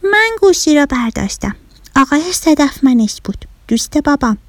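Naive young fish child, voiced by a woman, lively storyteller, mellow tone, dry close sound. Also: high voice, no room sound. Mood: earnest. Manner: earnest, chatty, lively telling.

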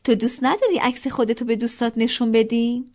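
A woman's voice: a little high, a little mellow, natural voice. A woman voicing a fussy, cheerful male photographer in a children's story, coaxing little girls to pose.

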